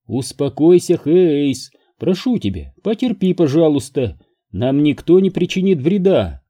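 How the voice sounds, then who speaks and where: A man's voice: a little high, very animated, measured pace, dark tone, slightly rough, voice pushed up, exaggerated voice. A man voicing a pleading young woman. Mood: soothing. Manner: pleading, soothing.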